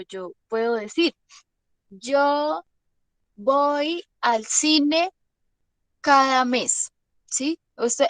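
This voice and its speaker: A woman's voice: fairly high pitch, dry recording. A woman English teacher giving an online class lesson, patiently explaining and checking often that students follow. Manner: patient, checks understanding with frequent tag questions.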